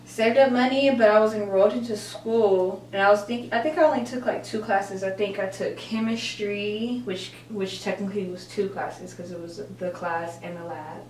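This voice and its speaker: Doing her makeup for a get-ready-with-me chat, this woman in her twenties talks at a moderate pace with few pauses, her medium-pitched voice slightly mellow. The college student vlogger rambles, backtracks to correct herself, and fills her speech with filler words, captured by a distant mic with roomy echo and faint hum.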